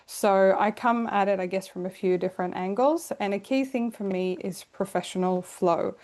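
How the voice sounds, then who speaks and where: A middle-aged Swedish career coach hosts a live online workshop over a video call, upbeat, chatty and welcoming, with light laughs. Her voice sits at medium pitch with a darkish tone and moves at normal speed.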